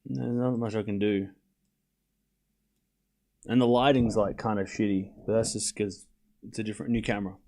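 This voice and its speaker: A young Australian man live-streams tennis, calling points and chatting casually with viewers in a fairly low voice at normal speed, with long pauses. He's relaxed and rambling, reading chat aloud, answering it, and swearing casually.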